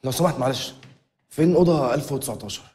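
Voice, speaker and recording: An actor playing a pushy, mocking ex-husband in a comedy series, talking in a rapid, brash way. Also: male voice, mid-range voice, a little mellow, natural voice. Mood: taunting. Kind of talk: TV comedy drama acting.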